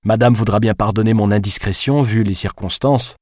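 A man's voice: fairly low pitch, animated, fairly quick, darkish tone, dry recording, studio quality. A man playing a sarcastic, teasing man. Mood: mocking. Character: sarcastic man in handcuffs, mocking.

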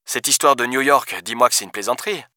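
A man voicing a hurried male police deputy who talks in a rushed, hesitant way. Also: medium pitch, bright, forceful tone, no echo, studio quality, pitched above the performer's own voice, lightly acted.

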